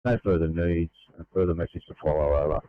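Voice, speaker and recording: A man's voice: low-pitched, steady tone, fast talker, clear, resonant tone, no echo. An Australian man on a fire crew, giving clipped, procedural reports over a two-way radio. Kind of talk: radio call. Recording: tinny two-way radio channel.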